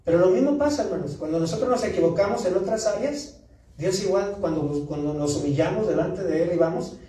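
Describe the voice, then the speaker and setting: Un predicador mexicano, hombre de voz aguda, habla en tono de sermón y pregunta "¿verdad?" a sus oyentes. Se le oye lejano en una iglesia con fuerte reverberación. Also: male voice, high-pitched, a little fast, warm tone. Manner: storytelling, asks the congregation for agreement. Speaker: pastor. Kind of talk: sermon. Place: church. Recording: echoey church hall, distant mic.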